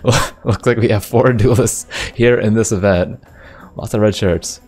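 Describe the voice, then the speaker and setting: Low-voiced upbeat male race commentator. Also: a little slow. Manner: upbeat, excited by split times, filler-heavy. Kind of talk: live play-by-play commentary.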